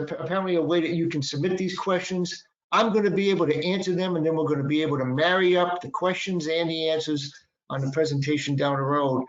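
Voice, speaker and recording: A man in his sixties with a Boston accent, an attorney giving a conversational webinar presentation with many fillers and restarts. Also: on the high side. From Northeastern United States. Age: 60s. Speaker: patent and trademark attorney presenter. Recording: echoey, dull lo-fi room sound.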